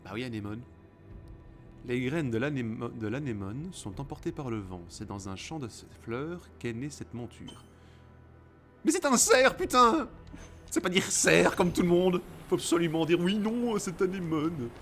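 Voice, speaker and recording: A man giving excited, profane commentary while playing a video game, swinging from mumbles to shouts. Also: on the high side, normal speed. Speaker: let's play gamer. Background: game music.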